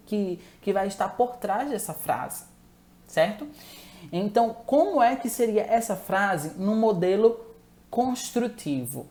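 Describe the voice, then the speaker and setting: A woman's voice: lowish voice, a little mellow. A woman giving a chatty live-streamed talk on relationships, asking viewers to answer and often correcting herself mid-sentence.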